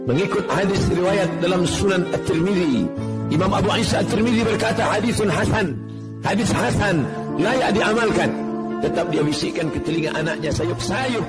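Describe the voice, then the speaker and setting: Fiery preacher man over loud music. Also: high voice, lively intonation, moderate pace. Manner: fiery, rising to loud emphatic declamation. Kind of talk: sermon. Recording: heavy background music.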